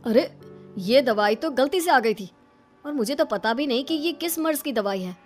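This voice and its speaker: A woman voicing a middle-aged cartoon father who speaks in a measured, firm way. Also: sits high, expressive, soft background music.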